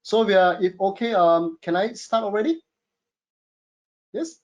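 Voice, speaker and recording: A Singaporean man with a Singaporean English accent hosts a webinar from his home studio, working as an e-commerce consultant. His voice is high with lively intonation and a measured pace, and the recording sounds muffled. He's chatty, uses lots of fillers, and calls his audience "guys."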